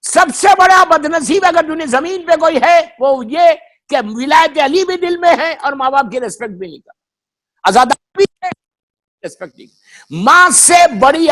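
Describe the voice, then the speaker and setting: A man preaching a fervent sermon, repeating his points, slipping into English phrases and often rising to shouts. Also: very high voice, lively intonation. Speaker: Shia cleric giving a memorial majlis. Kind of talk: impassioned sermon.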